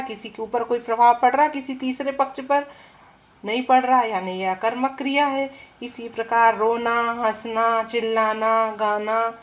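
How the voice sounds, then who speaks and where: A woman's voice: a little high, poor audio. A woman teaching Hindi grammar. She explains with everyday examples, asks questions and answers them herself, and often checks in with "है ना". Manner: drawn-out, deliberate pacing with frequent "है ना" check-ins. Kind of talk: explanatory lesson.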